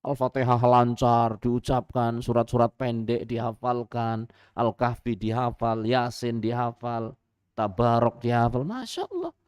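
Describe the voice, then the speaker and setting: A man's voice: mid-range voice, measured pace, clean tone, no echo, studio quality. A man with a Javanese accent giving a radio sermon, telling stories with rhetorical questions and chuckles. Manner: animated, lively storytelling with rhetorical questions and chuckles. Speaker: Islamic preacher.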